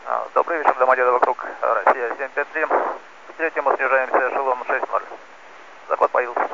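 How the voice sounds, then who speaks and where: A man's voice: medium pitch, steady tone, a little fast, gravelly. A man speaking as an airline pilot over a radio transmission from the cockpit, giving terse, clipped callouts with his call sign. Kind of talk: air traffic radio exchange. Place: aircraft cockpit. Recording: muffled, noisy cockpit radio.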